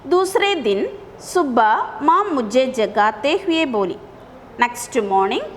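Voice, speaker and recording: A woman's voice: sits high, animated, slow pace, big-room sound, a little hiss or hum. A woman teacher reading a Hindi story aloud, repeating lines and explaining words in English.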